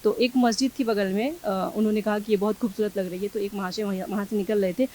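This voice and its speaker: Fast-talking young woman. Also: medium pitch. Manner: animated, quick, acts out quoted exchanges. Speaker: interviewee. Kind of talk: news interview, recounting an incident.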